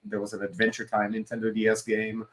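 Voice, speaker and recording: An Israeli Hebrew speaker in his forties, a creative director and comic writer, rambles casually as an interview guest with plenty of fillers and asides. His voice is on the low side, fast, and entirely flat.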